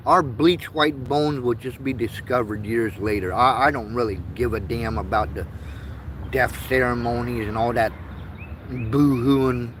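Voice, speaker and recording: A man in his fifties, born in Vietnam and raised in the United States, hosts a rambling, casual livestream monologue. He talks earnestly and often stops to repeat himself, his medium-pitched voice a bit bright against slight background noise.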